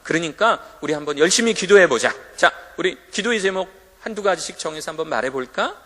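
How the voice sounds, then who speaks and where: A man's voice: on the high side, animated, fairly quick, sharp tone. A man preaching a sermon to students in a school chapel, telling stories with animation and acting out the voices he quotes. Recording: hall reverb.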